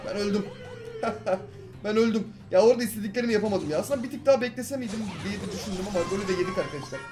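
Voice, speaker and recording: A young man in his twenties giving excitable, slangy commentary over his own gameplay, swinging between calm asides and frustrated outbursts. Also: sits high, racing, music in the background. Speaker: gaming YouTuber.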